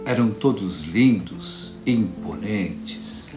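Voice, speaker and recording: A man telling a classic fairy tale to children, playful and dramatic, with long pauses. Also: lowish voice. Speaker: storyteller. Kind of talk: children's storytelling performance. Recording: echoey room with guitar music.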